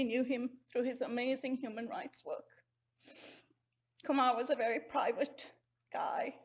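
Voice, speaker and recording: A middle-aged woman from Sri Lanka, giving an earnest, heartfelt memorial eulogy at a measured pace. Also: a little high, breathy edge.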